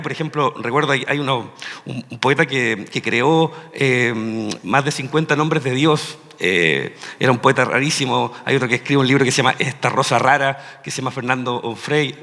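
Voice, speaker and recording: A man's voice: medium pitch, fairly bright tone. A man speaking on a panel with enthusiasm, often restarting and saying "o sea". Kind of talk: panel talk. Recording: long hall reverb.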